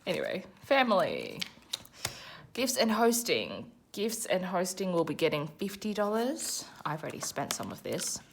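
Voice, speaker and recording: Low-voiced, animated Australian woman. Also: normal speed, vocal fry, a little hiss or hum. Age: 30s. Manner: self-deprecating, counting money aloud. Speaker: budgeting vlogger. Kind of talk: casual chatty vlog narration.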